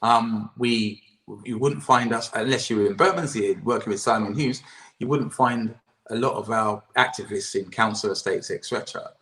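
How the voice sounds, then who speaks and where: A man's voice: fairly low pitch, moderate pace, a bit bright, poor audio. A man, the chair of a political campaign group, answering interview questions earnestly over a video call, restarting his sentences and often trailing off with "et cetera".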